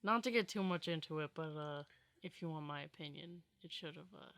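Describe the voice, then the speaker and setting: Young woman, podcast co-host, hesitant, many restarts, lower pitch. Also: brisk, a bit bright, no echo. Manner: hesitant, restarts often, laughs along. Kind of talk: casual chat.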